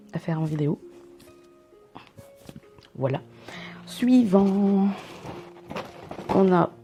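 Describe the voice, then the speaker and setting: A woman's voice: on the low side, creaky, dark tone. A young woman vlogging an unboxing at home into a camera mic, chatty and rambling with self-mocking asides. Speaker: vlogger unboxing a subscription box. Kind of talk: casual unboxing chat.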